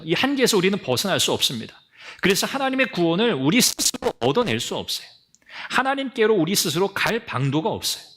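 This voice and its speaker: A male pastor delivers a Sunday sermon as vivid storytelling. His voice sits a little high and swings widely in pitch. He often addresses the congregation directly and acts out the lines of the people in the story. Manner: animated storytelling, acting out quotes.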